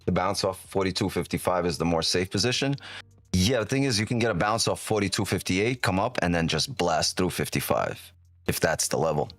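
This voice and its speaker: A man with a deep whiskey voice giving casual live-stream commentary, thinking aloud and often checking in with "right?", on a close microphone. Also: lively intonation, a little fast, a bit bright, soft background music. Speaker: live trading streamer, host.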